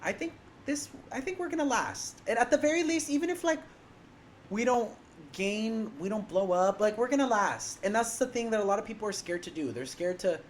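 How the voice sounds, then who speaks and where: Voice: mid-range voice, animated, brisk, slight background noise. A young podcast co-host in easy, casual conversation, with a mid-range voice that moves expressively up and down. Their talk is chatty and full of "like" and "you know". Faint room ambience sits underneath. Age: 20s. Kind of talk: casual chat.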